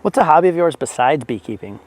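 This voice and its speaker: A man's voice: a little high, expressive, quick pace, a little mellow, poor audio. A man interviewing a guest, asking brief, plain questions.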